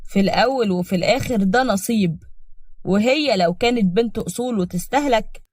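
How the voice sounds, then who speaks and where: A woman's voice: mid-range voice, fairly quick, a little mellow, no echo, clean studio sound, lightly acted. A woman voicing a firm, caring father who counsels his son, in Egyptian Arabic. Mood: fatherly. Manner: fatherly, persuasive.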